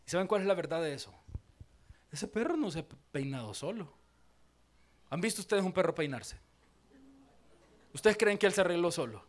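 A man preaching a sermon as pastor, animated and playful, acting out little scenes and firing questions at the congregation. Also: high-pitched, moderate pace, long pauses.

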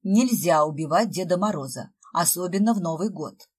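A woman's voice: fairly low pitch, lively intonation, normal speed, slightly rough. A woman reading a joking man in a Father Frost role. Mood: mock-serious. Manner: joking, theatrical, mock-solemn. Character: playful teasing man posing as Father Frost.

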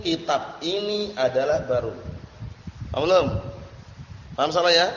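Pitched on the high side with a fairly bright tone, a man leads an Arabic grammar class in an informal drilling style. Repeated questions and frequent comprehension checks mark his teaching. Echo from the hall, muffling, and background noise color the recording.

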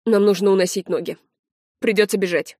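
A woman reading an audiobook, voicing a calm, protective young man in a steady, reassuring, slightly lower voice. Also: fairly quick, no room sound, studio quality, natural voice. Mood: calm, firm.

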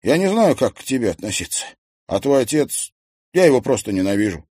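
A man's voice: mid-range voice, sing-song, brisk, darkish tone, breathy edge, dry recording, studio quality, pitched above the performer's own voice. A man voicing a sullen young man who speaks gloomily and tiredly. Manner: gloomy, tired, bursts into anger.

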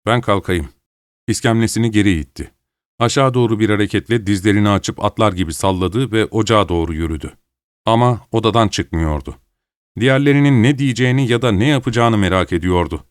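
Male audiobook narrator, low voice, dry booth sound. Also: fast talker, no room sound. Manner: raises pitch for dialogue, steady narration between. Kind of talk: scripted narration of a novel, voicing all characters.

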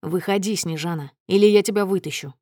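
A woman voicing a calm, resolute young husband who speaks quietly and evenly, in a dry recording. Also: mid-range voice, brisk, dry recording, natural voice. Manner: quiet, level, restrained.

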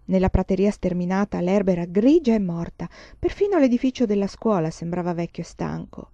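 A woman reading a novel aloud in a slow, calm, expressive way. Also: mid-range voice, no echo, dull audio. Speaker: audiobook reader. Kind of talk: scripted narration.

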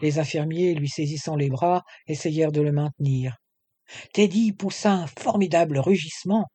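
A man narrates an old adventure novel at a measured pace, shading his tone a little for each character. His voice sits slightly high but has a mellow, soft timbre. The recording is close and dry, with no room sound. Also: husky, no room sound. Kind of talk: audiobook reading of a French adventure novel.

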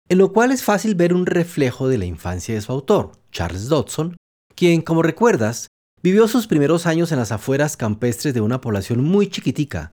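A man, host of a children's program, narrating a storybook and talking directly to the young listener. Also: mid-range voice. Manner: warm, addresses listener directly. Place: home studio, dog beside him.

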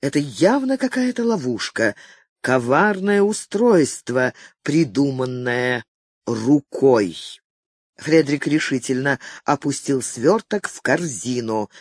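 A narrator delivers a novel in an unhurried, deliberate audiobook reading. The pitch rises and falls in lively arcs, and the voice sits close and dry with no room around it. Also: breathy edge, dry recording. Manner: slow, measured, expressive reading.

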